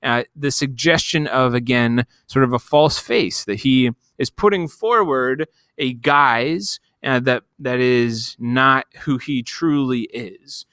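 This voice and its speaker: A man giving a thoughtful spoken lecture on a play, pausing often as he explains. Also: mid-range voice, a bit bright, clear, resonant tone, no echo. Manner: thoughtful and explanatory, with many small pauses.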